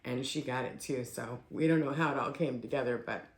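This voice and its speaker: Low-voiced woman telling a caregiving story. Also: a little fast, roomy sound. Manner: conversational, many fillers and restarts. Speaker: family caregiver sharing a personal story. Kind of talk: casual personal storytelling.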